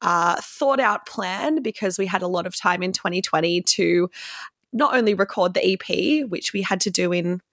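A woman's voice: fairly low pitch, moderate pace, fairly bright tone, no echo, studio quality. Upbeat Australian woman chatting. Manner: upbeat, enthusiastic, laughs easily. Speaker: co-host, musician and coach. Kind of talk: casual interview chat.

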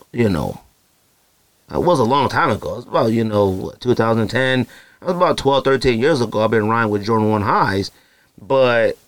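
With a mid-range voice and no echo, a married man talks on his own podcast in a casual, rambling way. He leans on "you know" and other fillers, and his voice leaps up each time he lands a point.

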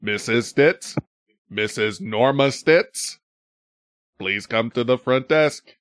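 A man putting on the voice of a hotel front desk announcer, paging guests in a slow, measured lobby announcement. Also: medium pitch, a bit bright, no room sound, clean studio sound. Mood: mock formal.

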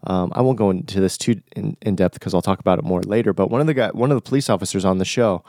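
A man's voice: sits low, fast talker, a little mellow, dry recording, studio quality. A young man with a nasal, congested voice from a recent illness, talking casually and informally as a podcast host. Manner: informal, conversational, buddy-like slang. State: recovering from flu, stuffy nose. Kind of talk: casual solo podcast talk.

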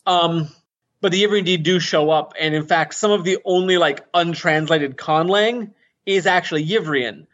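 In a casual interview, an author and conlanger speaks at normal speed with a voice on the high side and a bit bright. He is thoughtful but full of restarts and fillers, and the podcast audio is dull and muffled.

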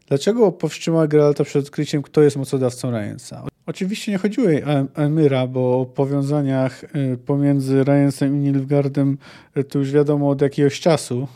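A man's voice: a little high, mellow. A man hosting a book discussion podcast, talking hesitantly with frequent filler sounds. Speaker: podcast host discussing a novel.

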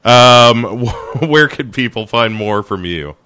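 A man's voice: medium pitch, animated, takes it slowly, bright, forceful tone, clear, resonant tone, no room sound, clean studio sound. A man hosting a podcast, chatting casually and joking, with many fillers. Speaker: podcast host. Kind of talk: casual chat.

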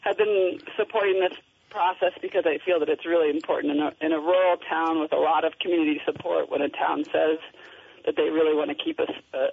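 A woman with a gravelly voice, hoarse from a cold, speaking earnestly and haltingly as a guest in a phone interview. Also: deep voice, no room sound. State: has a cold. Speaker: interview guest, local parent. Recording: muffled, narrow telephone line.

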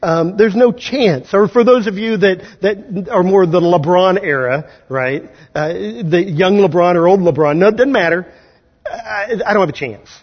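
A man preaching a sermon as pastor, talking conversationally and slipping into quick acted asides. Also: high voice, slightly rough. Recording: dull audio in a large hall.

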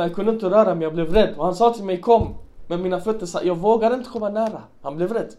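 A man's voice: on the high side, darkish tone. A man giving a religious talk to a congregation, telling stories and putting questions to his listeners. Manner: storytelling with rhetorical questions to listeners. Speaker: preacher.

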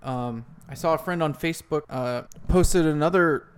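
A man's voice: a little high, moderate pace, smooth. A man hosting a casual podcast chat, rambling and chatty, laughing often. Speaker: podcast host.

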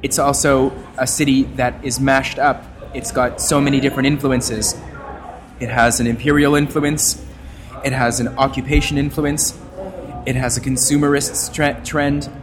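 A man from Canada, a journalist and podcaster, talking at length as an interview guest, with a wordy, expressive manner that plays with his voice. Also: medium pitch, normal speed, background noise. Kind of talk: casual interview talk.

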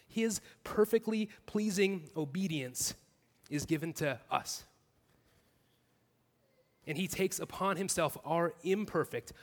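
A man's voice: a little high, in a large hall. A man preaching a sermon as pastor, earnest, building his points in repeated clauses. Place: church.

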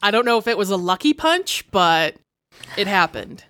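A woman player chatting in character during a tabletop game, in a relaxed, chatty way. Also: medium pitch, normal speed, dry recording, studio quality. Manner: relaxed, chatty, laughs often.

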